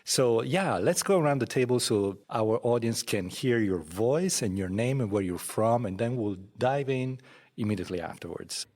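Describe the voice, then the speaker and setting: Husky-voiced man hosting a studio talk. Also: medium pitch, expressive, normal speed, a little mellow. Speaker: host, library director. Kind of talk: podcast interview.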